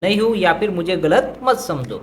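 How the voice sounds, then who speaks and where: A woman teaching English vocabulary who says each phrase slowly twice and then explains it in Hindi. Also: on the low side, big pitch swings, a little hiss or hum. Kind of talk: vocabulary lesson.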